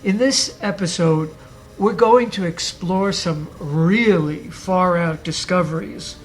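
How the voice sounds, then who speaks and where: A podcast host reads a scripted motivational monologue with slow, emphatic delivery, his voice raspy because he's getting over the flu. Soft, high-pitched music plays behind him, and the recording quality is low.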